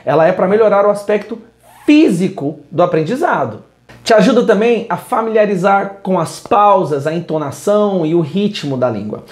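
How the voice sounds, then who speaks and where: A man's voice: high-pitched, lively intonation, moderate pace, a little mellow, reverberant. A man teaching an English lesson, moving between English and Portuguese in an upbeat, direct way. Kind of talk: video lesson.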